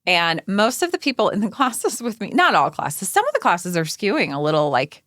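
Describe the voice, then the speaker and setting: A woman's voice: mid-range voice, big pitch swings, normal speed, a bit bright, dry recording. A middle-aged woman from chats animatedly on her podcast, sometimes drifting into a cooing baby-talk tone. Her voice sits mid-range and is recorded close and dry, with no room sound. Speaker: podcast co-host. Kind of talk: casual chat. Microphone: studio microphone.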